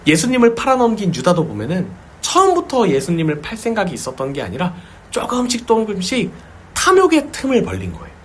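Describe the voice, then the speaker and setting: A man pastor delivers a sermon at a small home church, with a fairly high voice that swings widely in pitch. He tells stories with vivid sound words and sudden acted cries. A faint noise sits under the recording. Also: wildly swooping pitch, fairly quick, a bit bright.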